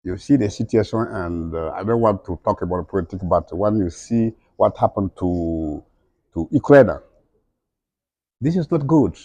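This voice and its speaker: With a low, warm, expressive voice at a moderate pace, this middle-aged man speaks passionately and conversationally as an interviewee. His English is broken and non-native, and he keeps repeating his points; the recording is dry.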